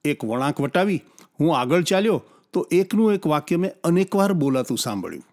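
Male storyteller, calm and descriptive, slightly high pitch. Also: fairly quick. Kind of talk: scripted story narration.

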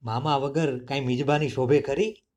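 A man voicing a clever little male mouse child in a storybook reading, sounding excited and pleading. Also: mid-range voice, normal speed, close to an everyday voice.

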